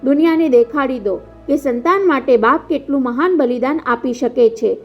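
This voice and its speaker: A woman's voice: sits high, moderate pace. Bitter furious grieving father, as a woman reads him. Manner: scornful, cutting. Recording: dull lo-fi with faint music.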